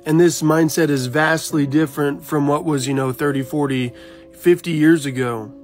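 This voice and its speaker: A man's voice: a little high, fairly even intonation, moderate pace, a little mellow. A man narrating a scripted news-style rundown of a viral video. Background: music.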